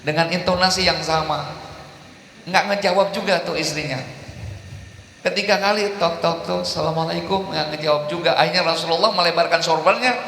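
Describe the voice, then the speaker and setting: A middle-aged man preaching a humorous sermon, telling stories and quizzing his audience, his voice jumping between loud bursts and soft asides. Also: a little high, moderate pace. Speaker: Islamic preacher. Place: large mosque or hall at a religious gathering. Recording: echoey hall through PA, faint room noise.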